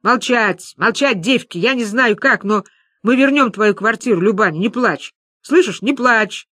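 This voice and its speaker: A woman voicing a rough, bossy woman who talks loudly and rudely. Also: animated, unhurried, no echo, studio quality. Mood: commanding. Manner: booming and rude. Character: rough, loud-voiced older woman, bossy.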